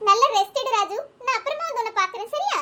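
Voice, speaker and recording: Cartoon sweetheart, young, coy, giggly, chipmunk-high voice, loud hiss. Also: female voice, animated, fast. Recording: loud background noise.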